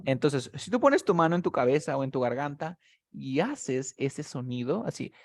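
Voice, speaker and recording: This man teaches English one-on-one over video, patiently explaining in Spanish while he slowly models each sound and frequently checks his student is following. He speaks at a medium pitch with big swings in his intonation.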